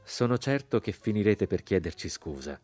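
A man reading the lines of an ironic old Neapolitan nobleman in an audiobook, dry and unhurried. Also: on the low side, very animated, a little mellow, soft background music.

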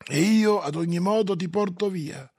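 A man voicing Stolz, an earnest man pleading insistently with his old friend, in a gravelly, husky voice. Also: high-pitched, moderate pace, darkish tone, no room sound, clean studio sound, heavily acted. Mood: urging.

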